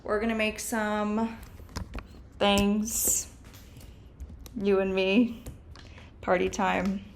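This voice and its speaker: A woman's voice: medium pitch, flat delivery, extremely slow, creaky. Young woman, casual video journal, rambling and chatty, laptop mic, faint hiss. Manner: chatty, rambling, self-aware. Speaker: vlogger. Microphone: laptop built-in mic.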